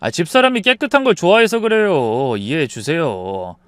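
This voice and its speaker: Guy doing a grown son who keeps brushing his mom off, bit high, lively. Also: moderate pace, clear, resonant tone, dry recording, studio quality. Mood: dismissive. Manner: whiny, starts lines with a sighing "ah". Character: dismissive adult son, sides with his wife.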